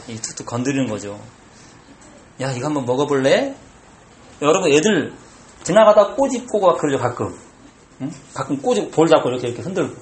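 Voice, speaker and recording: Male pastor, animated conversational preaching, slightly high voice, echoey church room. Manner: conversational preaching, acts out quoted lines. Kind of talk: sermon.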